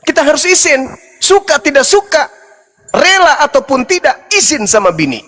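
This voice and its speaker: A man who works as a religious apologist, giving a theatrical, animated talk that swings between loud and quiet. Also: extremely high pitch, normal speed, big-room sound. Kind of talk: preaching-style debate talk.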